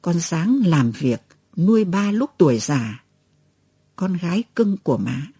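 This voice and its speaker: A frail older mother near death, speaking in a faint, halting whisper, as a woman puts her on while reading. The voice is breathy and mellow, and it rises and falls freely. The recording is close and dry. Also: medium pitch, sing-song, dry recording. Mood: fading. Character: dying older mother, weak yet resolute.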